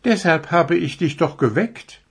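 A man doing a curious, high-voiced young doe. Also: lively intonation, creaky, fairly bright tone, breathy edge, exaggerated voice. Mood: eager. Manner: eager, fast, fibbing.

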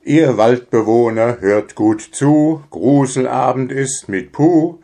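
A jolly woodland host from a children's storybook, read by a man in a loud, slow, proclaiming voice. He calls out an invitation to all the forest folk. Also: mid-range voice, pitched above the performer's own voice. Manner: announcing, proclaiming.

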